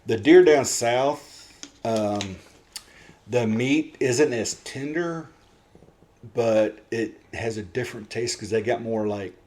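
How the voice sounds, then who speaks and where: A middle-aged man, telling folksy stories as a podcast guest, unhurried and full of fillers. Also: medium pitch, a little mellow. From Lebanon, Missouri. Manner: folksy, drawn-out storytelling with fillers. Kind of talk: casual storytelling. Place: podcast studio.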